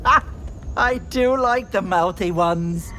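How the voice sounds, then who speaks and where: A woman's voice: mid-range voice, takes it slowly, a bit bright, a little hiss or hum. A woman voicing a bossy, sly old auntie hag in a video game, folksy and cajoling, with menace under the sweetness. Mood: amused, sly.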